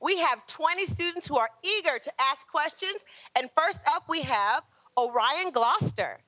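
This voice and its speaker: A woman with a high, animated voice hosts a live student event at an unhurried pace. She introduces each questioner, and the sound is slightly dull and dry. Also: dry recording.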